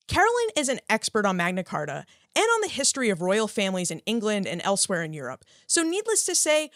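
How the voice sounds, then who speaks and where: The podcast host's voice is a little high as she delivers her history show's intro and questions, upbeat and clearly reading from a script. Her re-recorded voice-over is dry, with clean studio sound.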